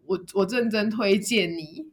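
A woman co-hosting a casual podcast chat, telling a story in an animated way and laughing often. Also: medium pitch, measured pace. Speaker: podcast co-host.

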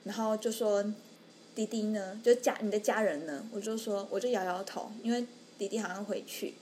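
A young woman tells a story in a casual podcast chat as a co-host, acting out the people she quotes. Her mid-range voice is mellow and steady at a normal speed, and there is a little hiss or hum.

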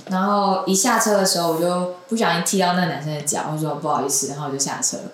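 A woman's voice: fairly low pitch, fairly even intonation, quick pace, a little hiss or hum. A young woman, chatting casually as a guest and telling a long, rambling story between frequent giggles. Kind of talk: casual chat. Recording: roomy echoing room.

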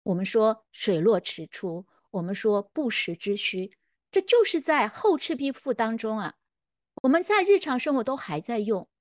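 A middle-aged woman literature scholar gives a lecture built around storytelling, reflective and conversational, and she acts out the quoted dialogue. Her voice is a little high and sing-song at a normal pace, recorded close to the mic with a dry sound and no echo.

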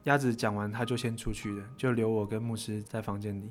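A young man, a podcast guest telling his story candidly, with quick laughs. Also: fairly low pitch, level tone, a little hiss or hum. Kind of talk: personal story in a podcast interview.

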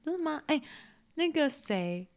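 A woman's voice: high-pitched, sing-song, measured pace, gravelly. A young woman from Taiwan, co-hosting a podcast in giggly, teasing casual chat. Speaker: podcast co-host.

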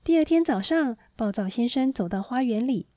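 A woman storyteller reading a children's story aloud in a gentle, expressive way, on a close mic. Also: on the high side, moderate pace, no echo.

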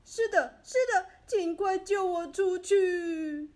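Woman doing a man yelling for help. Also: very high-pitched, fairly even intonation, takes it slowly, pitched above the performer's own voice. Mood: desperate. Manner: shouting desperately, pleading. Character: adult man stuck in a pit, calling for help. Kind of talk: storybook reading.

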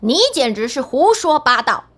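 A woman's voice: high-pitched, animated, moderate pace, fairly bright tone. Woman doing a stern scornful father. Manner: scornful, dismissive. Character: stern scolding old father.

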